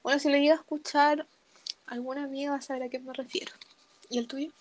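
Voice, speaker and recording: A young woman with a Chilean accent chatting casually as a podcast co-host, telling self-deprecating stories in a relaxed way. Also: high-pitched, quick pace. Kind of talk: casual chat.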